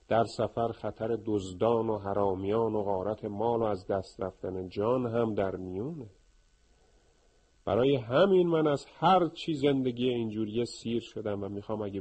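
A man's voice: fairly low pitch, mellow, slightly rough, poor audio. Man voicing a weary, well-traveled animal.

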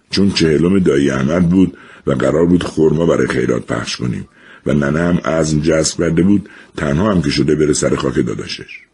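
Low, husky male storyteller. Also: darkish tone. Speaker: narrator. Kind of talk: storybook narration.

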